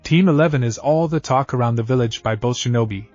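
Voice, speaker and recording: A man's voice: mid-range voice, fast talker, darkish tone, dull audio, faint music behind, natural voice. A man voicing a laid-back adult male ninja teacher in a fan fiction reading. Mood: relaxed.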